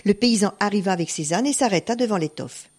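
A woman narrates a folk tale aloud with lively pitch, rising and dipping through each sentence. Her reading is expressive and engaged. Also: quick pace. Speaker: storyteller.

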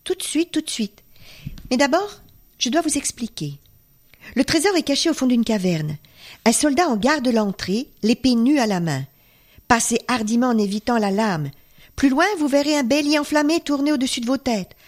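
A woman's voice: high voice, animated, normal speed, pitched above the performer's own voice. A woman storyteller voicing a frail young enchanted girl who pleads and urges in a storybook tale. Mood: urgent. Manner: pleading, pressing.

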